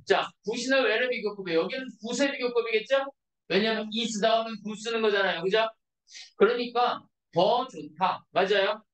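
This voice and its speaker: A woman's voice: fairly high pitch, moderate pace. A woman teaching an English grammar lesson in Korean to a class, constantly checking with her students through short questions. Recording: echoey classroom from far off.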